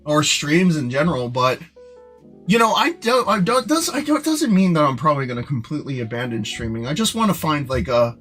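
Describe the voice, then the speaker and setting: A young man streaming live, rambling casually to his chat with lots of fillers and restarts, in what he calls a monotone voice. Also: a little high, brisk, faint music behind. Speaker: streamer and animator.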